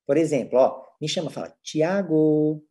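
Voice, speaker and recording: Lively didactic Brazilian man lecturing. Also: high-pitched, brisk. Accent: Brazilian Portuguese. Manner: didactic, asks and answers own rhetorical questions. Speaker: psychologist lecturer.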